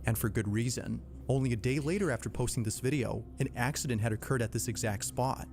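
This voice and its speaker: A man giving measured, suspenseful scripted narration for a paranormal video compilation. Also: mid-range voice. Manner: measured, suspenseful storytelling delivery. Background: music.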